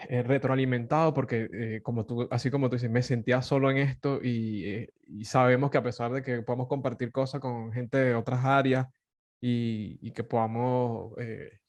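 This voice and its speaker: Lively Caracas Venezuelan man. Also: mid-range voice, normal speed. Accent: Caracas Venezuelan Spanish. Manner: animated, laughs often, many fillers and restarts. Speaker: podcast host. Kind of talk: casual conversation.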